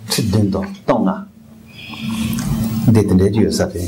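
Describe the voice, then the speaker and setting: A man in his seventies from Kham in Tibet, giving a rambling, halting oral history interview. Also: low voice, steady tone, over music, low-quality recording. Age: 70s.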